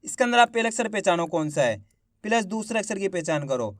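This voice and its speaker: A man teaching children to read, sounding out each syllable slowly and then drawing out the whole word, while encouraging his viewers. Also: high-pitched, lively intonation, dry recording, clean studio sound. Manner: encouraging, addresses viewers as friends. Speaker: Hindi reading teacher. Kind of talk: online reading lesson.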